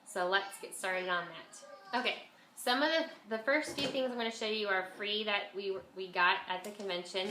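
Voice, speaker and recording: A homeschool vlogger chats casually to camera at home, her mid-range voice moving at a moderate pace. She has a bit of a cold, so she sounds stuffed-up and nasal, almost as if pinching her nose. The indoor room is echoey, with faint background noise.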